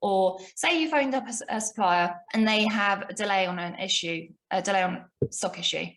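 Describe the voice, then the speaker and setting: A woman's voice: medium pitch, moderate pace, fairly bright tone, rough recording. A woman co-hosting a business podcast, telling a story emphatically and with indignation. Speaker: podcast co-host. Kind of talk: casual business podcast chat.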